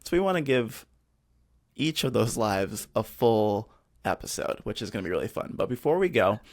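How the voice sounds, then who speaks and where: A man's voice: on the low side, expressive, moderate pace. A man hosting a podcast, affirming and encouraging his guest with frequent agreement. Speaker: podcast host. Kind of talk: casual podcast interviewing.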